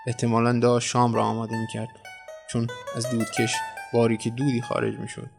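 A man narrating a translated short story in a measured, dramatic storytelling manner. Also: medium pitch, completely flat delivery, vocal fry, music in the background.

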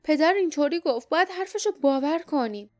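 A woman's voice: high-pitched, expressive, a little mellow, no room sound, studio quality, soft background music, pitched above the performer's own voice. A woman voicing an earnest, hopeful young male hero in an audiobook.

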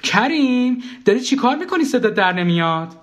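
A man voicing a bossy, chattering woman, a wife and mother, who scolds and fires off questions in a shrill voice. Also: close to an everyday voice. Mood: scolding.

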